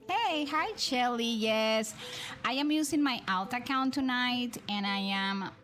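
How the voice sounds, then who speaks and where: With background music running behind her, a woman streams a game, chatting casually and musing aloud in a slightly high, fairly bright voice at a slightly slow pace.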